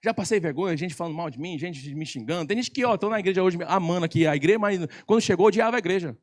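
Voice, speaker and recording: A Brazilian-accented male pastor delivers a sermon at a church service, his voice sitting noticeably high for a man. He tells the story with animated energy, teasing and often raising his voice. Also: very fast. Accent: Brazilian Portuguese.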